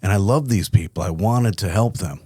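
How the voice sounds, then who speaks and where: Middle-aged male guest, very low voice, candid reflective storyteller, dry close recording. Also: normal speed, warm tone, slightly rough, no echo. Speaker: podcast guest, company CEO. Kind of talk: casual interview storytelling.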